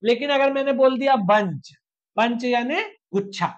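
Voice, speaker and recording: A teacher runs an online grammar lecture for exam prep, answering their own rhetorical questions, repeating each point stepwise, and slowing to stress English definitions. The mid-range voice comes through with lo-fi sound.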